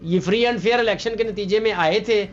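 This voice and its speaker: A man's voice: high voice, dull audio, over music. A man hosting a political talk show, probing his guest and pushing back with follow-up questions.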